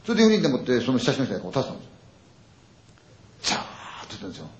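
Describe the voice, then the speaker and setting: A man's voice: mid-range voice, wildly swooping pitch, rapid-fire, slight background noise. Older Japanese man telling a ghost story. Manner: acts out friends' panicked dialogue, sound words. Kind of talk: spoken ghost story performance. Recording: echoey dull audio.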